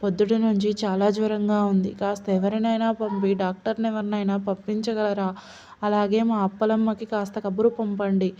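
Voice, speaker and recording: A woman's voice: medium pitch, little pitch movement, moderate pace, dark tone, dull audio, a little hiss or hum, lightly acted. Woman reading as a feverish husband, weak and mumbling. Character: feverish weak young husband, proud and sullen.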